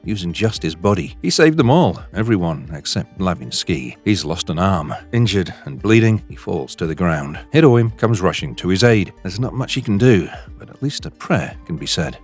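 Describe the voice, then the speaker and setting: A man narrating a scripted comic book recap in a dramatic storytelling manner. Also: deep voice. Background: faint music.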